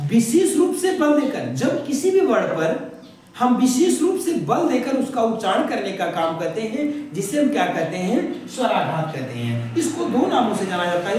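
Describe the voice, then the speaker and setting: Man teaching an exam paper, answers his own questions, high lively voice, faint hiss behind. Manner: stretches words slowly for emphasis. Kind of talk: exam paper walkthrough lesson. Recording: very echoey room from far off.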